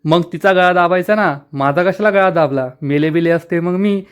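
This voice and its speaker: Nagging indignant mom, narrator putting her on, pitched way up. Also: normal speed, smooth, highs cut off, close to an everyday voice. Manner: indignant, complaining, raised pitch. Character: shrill meddling middle-aged mother.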